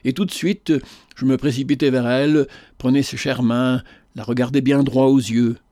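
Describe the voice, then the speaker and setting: A man reading a literary novel aloud in the first person, in a measured, unhurried manner. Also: medium pitch, steady tone, warm tone, dry recording, studio quality. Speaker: narrator.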